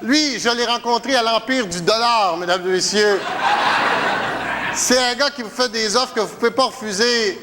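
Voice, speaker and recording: A man's voice: extremely high pitch, normal speed, background noise. A man hosting a comedy show, introducing acts in an emphatic announcer style. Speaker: host. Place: comedy stage in a theater. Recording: echoey hall, music and loud crowd.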